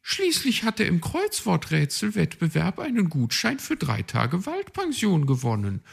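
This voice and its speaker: A man's voice: wildly swooping pitch, normal speed, vocal fry, breathy edge, exaggerated voice. A man voicing a proud, bossy female magpie detective in a storybook read-aloud, know-it-all and dismissive. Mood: haughty. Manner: shrill, know-it-all, brushes off objections.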